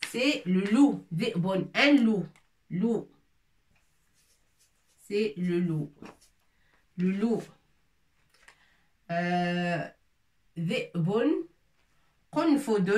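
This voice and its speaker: A woman gives a slow, patient lesson, saying words again and again and breaking them into sounds. Her voice is mid-pitched and comes from a little off the mic. The room around her is echoey. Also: far from the mic. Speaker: Arabic teacher.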